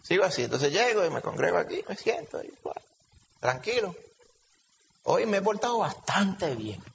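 A Puerto Rican man with a Puerto Rican Spanish accent preaches a conversational sermon, often asking his congregation questions. His high, creaky voice swings widely in pitch at a moderate pace. The recording is dull and lo-fi, with long reverb and faint hiss.

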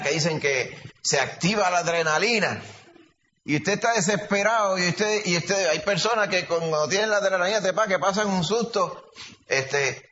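A man preaching an animated sermon, telling stories and calling listeners brother. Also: sits high. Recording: dull lo-fi recording, faint ambience.

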